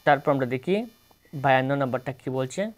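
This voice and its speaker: A man with a Bangladeshi Bengali accent, working as an exam tutor, reads multiple-choice questions and answers aloud in a plain, steady way, correcting himself now and then. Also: medium pitch, a little fast.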